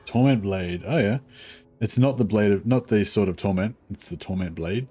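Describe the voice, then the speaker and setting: Low-voiced man musing over a video game. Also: normal speed, dark tone, faint music behind. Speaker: video game player commentating. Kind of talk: casual gameplay commentary, thinking aloud.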